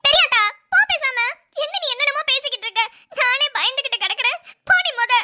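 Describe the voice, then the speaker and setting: A woman's voice: extremely high pitch, expressive, quick pace, pushed and bright, exaggerated voice. A woman voicing a frightened, devoted young granddaughter in a cartoon, pleading and tearful. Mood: frantic. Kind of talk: cartoon voice acting.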